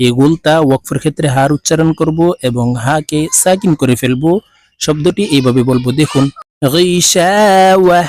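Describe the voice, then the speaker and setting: Bangladeshi guy teaching quran reading, slow slow spelling then long chanted words, dry close sound. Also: on the high side, no echo. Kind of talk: spelling out and slowly reciting Quranic words in a lesson.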